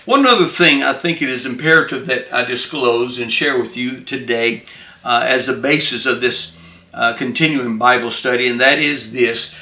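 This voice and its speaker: A man preaching a Bible study sermon, halting over frequent filler sounds and repeated phrases, then making emphatic declarations. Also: medium pitch, pushed and bright. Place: church. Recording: echoey room.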